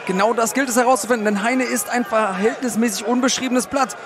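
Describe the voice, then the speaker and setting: A man's voice: very high voice, steady tone, fast talker. A man giving analytical live fight commentary as the expert, explaining as he goes. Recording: loud arena crowd noise behind.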